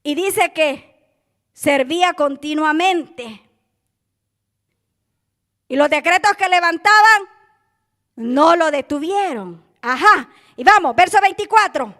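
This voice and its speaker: A woman preaching an impassioned sermon in a very high voice. She takes her time, drawing out phrases. Her delivery swings between loud emphasis and near-hushed asides. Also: expressive, slow, pauses often.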